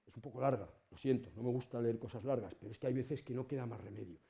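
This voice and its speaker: A middle-aged man with a Spanish accent from Spain, giving an informal lecture to students in a colloquial, animated way and swearing casually. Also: medium pitch, fast talker, gravelly, lo-fi sound. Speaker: university lecturer.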